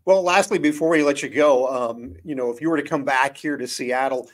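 A man's voice: mid-range voice, a little fast. A man hosting an interview, asking friendly, chatty questions with light asides. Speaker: interview host.

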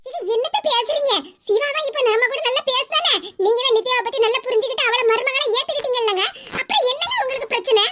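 A woman's voice: very high-pitched, fast, hardly any pauses. A woman voicing a worried village wife in a cartoon, with a Kanyakumari Tamil accent, pleading and questioning insistently. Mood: worried, coaxing. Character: worried village wife, coaxing her husband. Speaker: voice actor. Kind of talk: cartoon voice acting. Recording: noisy background hiss.

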